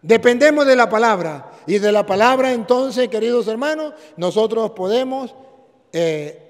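Male priest, fiery folksy sermon with repeated question-and-answer lines; high voice, long hall reverb. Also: expressive, normal speed. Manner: emphatic, repetitive questions and answers, folksy storytelling.

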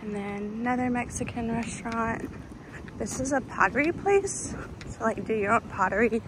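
A woman's voice: fairly high pitch, normal speed. A woman giving a casual walking tour outdoors, chatty and full of fillers, a bit tired and thirsty. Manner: chatty, filler-heavy, laughs often. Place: outdoor shopping center plaza. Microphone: handheld phone camera while walking. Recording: outdoor phone audio with street noise. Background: traffic and outdoor ambience.

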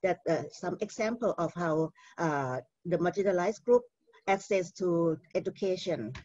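A middle-aged woman with a Thai accent gives a conference keynote by video call, her lowish voice warm in tone. She speaks with care and hesitation, often saying "uh," and the audio is dull and lo-fi with no room sound.

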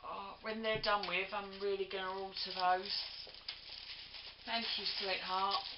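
A woman unboxing a gift on a craft vlog, gushing and effusive, with lots of breathy "oh"s. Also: mid-range voice, level tone, unhurried, background noise. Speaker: crafting vlogger. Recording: lo-fi home video, roomy.

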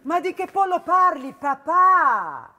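An actress on a theatre stage playing a patient adult daughter who speaks gently and coaxingly to her father. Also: a little high, lively intonation, a little slow. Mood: puzzled, concerned. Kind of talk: stage play acting.

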